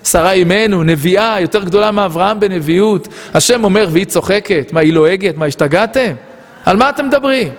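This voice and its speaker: A rabbi preaching an impassioned sermon, firing off rhetorical questions and scolding his listeners. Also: sits high. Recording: long hall reverb.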